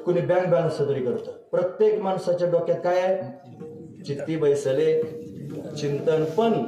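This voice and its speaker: A man's voice: on the high side, mellow. A man preaching a devotional kirtan sermon, telling stories, asking the audience questions and chuckling now and then. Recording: echoey hall recorded from a distance, faint music.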